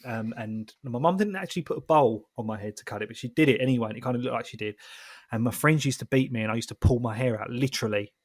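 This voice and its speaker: A man's voice: medium pitch, quick pace, breathy edge, no room sound, clean studio sound. A man in his thirties chatting casually as a podcast co-host, laughing often. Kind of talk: casual chat.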